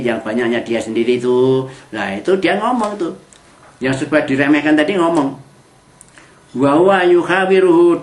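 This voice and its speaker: A man giving a Quran exegesis lesson, reciting verses slowly and then explaining them in chatty, colloquial asides. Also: mid-range voice. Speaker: Quran teacher. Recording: echoey room.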